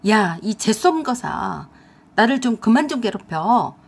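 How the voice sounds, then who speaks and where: A woman voicing a young man caught out and pleading his case, defensive and husky. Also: on the high side, big pitch swings, a little slow, exaggerated voice. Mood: angry. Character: evasive young man, cornered boyfriend.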